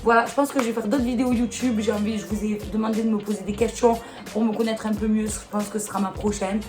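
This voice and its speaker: A woman with a Marseille French accent talks fast and steadily to camera in a vlog, her mid-range voice over music. As a YouTuber answering comments, she's blunt and exasperated and loves rhetorical questions.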